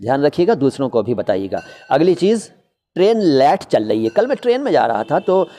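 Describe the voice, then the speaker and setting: Mellow-voiced man teaching Hindi usage. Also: on the high side, very animated, fairly quick. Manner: conversational, repeats words to model pronunciation. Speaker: Hindi-Urdu language teacher. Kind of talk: casual spoken lesson on usage.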